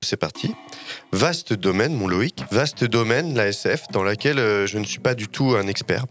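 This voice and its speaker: A man's voice: fairly low pitch, a little fast, a bit bright. A man reading his ironic, opinionated critique column on a podcast, mocking himself along the way.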